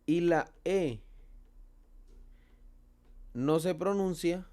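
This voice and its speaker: A man with a Colombian Spanish accent teaching a lesson, slow and deliberate, asking and answering his own questions. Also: fairly high pitch, a little mellow. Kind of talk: explaining a lesson.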